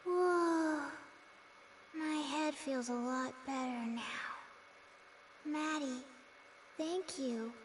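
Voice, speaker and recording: Spacey childlike girl, very high voice, slow drawl, noisy game audio. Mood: naive, dreamy. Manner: slow, spacey, sing-song. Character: dreamy, childlike girl, drowsy and naive.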